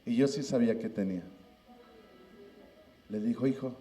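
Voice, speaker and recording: A man's voice: mid-range voice, moderate pace, reverberant, music in the background. A middle-aged man preaching a sermon as pastor, emphatic and often addressing listeners as brother. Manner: emphatic, repeats "hermano" often.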